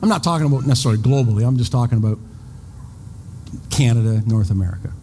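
A pastor in his fifties talks fast in a mid-range voice with a dark tone, giving a conversational sermon. He often repeats words and slips in self-deprecating asides, all captured with long reverb and a little background noise.

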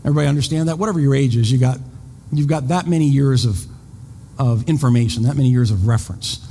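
Speaking at a quick pace in a mellow, mid-range voice, a fifty-something pastor gives a sermon as if in conversation. He repeats words frequently and throws in jokes at his own expense. Long reverb and faint background noise color the recording.

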